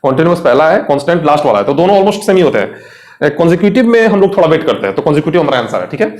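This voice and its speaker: A man's voice: fairly high pitch, very animated, rapid-fire, a little mellow, reverberant. Chatty Indian male English teacher. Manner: chatty, asks students questions, Hindi mixed with English. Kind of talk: exam lesson explaining vocabulary.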